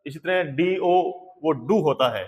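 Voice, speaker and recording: Slow, echoing Indian male teacher. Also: fairly high pitch, husky. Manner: patient, repeats and spells out words. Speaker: English pronunciation teacher. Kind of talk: slow board lesson. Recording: long hall reverb.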